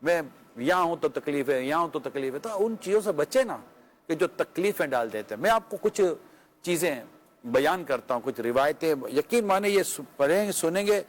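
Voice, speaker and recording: Man, Pakistani Urdu accent, religious scholar, earnest advice talk, somewhat high voice. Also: lively intonation. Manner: earnest, conversational, with pious formulas and rhetorical questions. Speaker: religious scholar answering questions.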